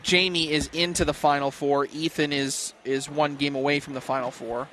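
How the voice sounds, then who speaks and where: Higher-voiced man calling cornhole. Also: little pitch movement, moderate pace, fairly bright tone, slight background noise. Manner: bantering, analytical. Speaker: cornhole commentator. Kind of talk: casual sports commentary. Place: commentary booth at a tournament.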